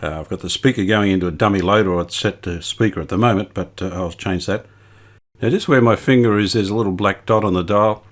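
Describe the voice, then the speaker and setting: A brisk man with a voice on the low side hosts a radio repair video, giving a casual hands-on demonstration while thinking aloud as he works, unscripted.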